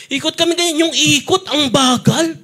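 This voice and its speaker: A man's voice: very high-pitched, normal speed. A man with a Filipino accent preaching a sermon as pastor, telling stories with acted-out sounds and frequent laughter. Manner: animated storytelling, acts out sounds and quotes, laughs often. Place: church stage.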